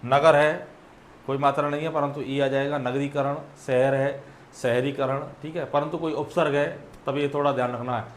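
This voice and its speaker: A male teacher explaining an exam solution, putting questions to the class and answering them himself, clearing his throat now and then. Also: medium pitch, steady tone, normal speed, echoey room, a little hiss or hum.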